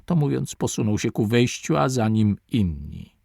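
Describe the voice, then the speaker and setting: A man narrating a classic adventure novel aloud in a measured literary reading. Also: mid-range voice, expressive, vocal fry, warm tone, no echo, studio quality. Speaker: audiobook narrator.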